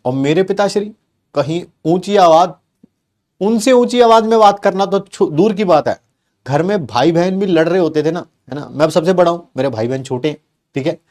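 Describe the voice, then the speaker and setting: Male teacher from India, middle-aged, high voice, acts out family scenes for students. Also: normal speed. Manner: animated, mixes English phrases, acts out family members' lines. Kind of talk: storytelling to students in class.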